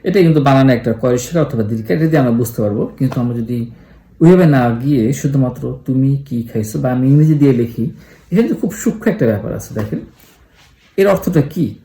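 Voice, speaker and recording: A man talks through a religious lesson in a relaxed, mellow voice, filming himself in a roomy space that rings back. He pauses often to think and slips English words into his sentences, building his point through everyday examples. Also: mid-range voice. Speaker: Islamic explainer. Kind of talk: casual explanatory lesson. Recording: echoey room.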